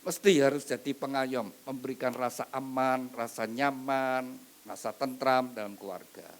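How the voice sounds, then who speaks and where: A man preaching a wedding sermon, swinging between loud emphatic lines and soft asides. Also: mid-range voice, fairly even intonation, moderate pace. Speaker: pastor.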